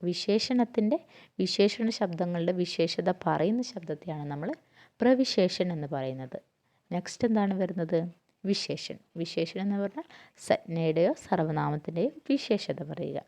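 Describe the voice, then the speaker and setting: A woman's voice: fairly low pitch, animated, measured pace, warm tone. A woman teaching a grammar lesson, asking herself questions and answering them, going through lists term by term.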